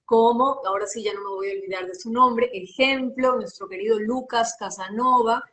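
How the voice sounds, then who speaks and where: A woman from Ecuador with a Guayaquil accent, a voice and diction coach explaining in an animated, teacherly way during a live interview. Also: on the high side, moderate pace. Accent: Guayaquil Spanish. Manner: animated, expressive, teacherly, asks rhetorical questions.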